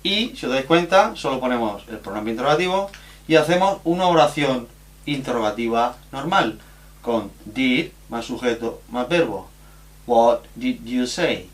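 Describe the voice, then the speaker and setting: Slow-spoken teacher explaining grammar. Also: male voice, medium pitch, expressive. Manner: slow, explanatory, spells out letters and examples. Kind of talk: recorded grammar lesson.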